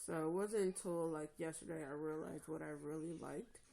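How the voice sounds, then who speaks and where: A woman's voice: low-pitched, a little fast, dark tone. A tired woman recovering from surgery, casually giving practical advice to viewers in a vlog. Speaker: vlogger sharing her jaw surgery recovery. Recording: echoey room with clear background noise.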